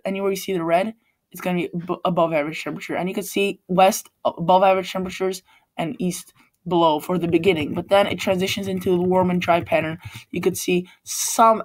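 His voice sits high as this Polish man, based in Chicago, hosts a weather channel and talks loosely through a casual forecast over screen-shared maps. The delivery rambles, with frequent restarts and self-corrections.

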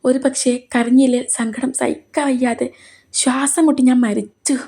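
Brief: woman doing an emotional young heroine, quick to anger, mellow voice. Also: high-pitched, fairly even intonation, husky, voice pushed up. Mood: tearful. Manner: emotional, pleading. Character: tearful, hot-tempered young woman in love.

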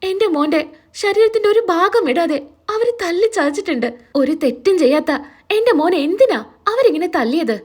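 A woman's voice: extremely high pitch, lively intonation, moderate pace, a little mellow, voice pushed up. A woman voicing a middle-aged mother lamenting over her injured son. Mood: grieving.

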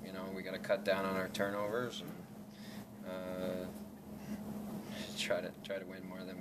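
Noisy room ambience fills an indoor press backdrop room where a lacrosse player in his twenties takes post-game questions. His delivery is low and entirely flat, halting with many restarts and fillers, and he laughs self-consciously now and then.

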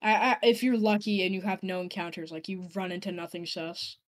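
A woman's voice: fairly low pitch, fairly quick. A young woman narrating as game master in a tabletop game, casual and rambling with frequent restarts.

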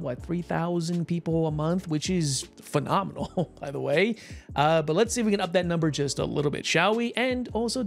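A gaming YouTuber with a higher-pitched, hoarse voice, tired after a long stream. He rambles chattily through casual gameplay commentary, full of fillers and short laughs.

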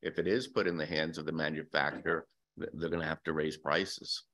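At a desk mic in a hearing room, a man in his sixties gives testimony for a business group in an extremely low, flat, fairly bright voice at a slightly fast clip. He comes across hesitant and a little defensive, restarting often and leaning on fillers.

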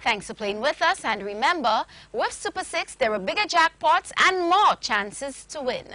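A young woman works as a lottery draw host on television, reading a formal script. Her voice is high and bright, with lively swings in pitch. She announces each phrase in a measured presenter style. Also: dry recording. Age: young adult. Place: TV studio.

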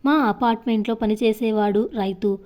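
A woman's voice: mid-range voice, fairly even intonation, a little fast, warm tone, natural voice. A woman voicing a young male office worker and husband who talks earnestly. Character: young office-working husband, irritable then caring.

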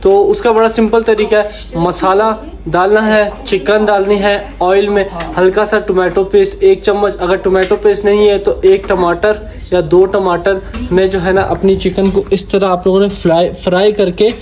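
A man's voice: high voice, little pitch movement, moderate pace, few pauses, darkish tone. A young man hosting a family cooking vlog, chatting casually into a handheld phone camera at home. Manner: chatty, coaxing and playful with the baby. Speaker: vlogger host. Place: home kitchen and living room, indoors. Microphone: phone camera held at arm's length.

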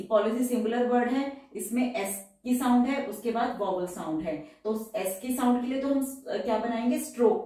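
A woman teacher works through shorthand exercises step by step and slowly repeats each example word. Her tone is dark and mellow. She sits away from the mic in a strongly echoing room. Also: fairly high pitch, far from the mic. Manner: slow, careful repetition of example words. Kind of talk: step-by-step tutorial.

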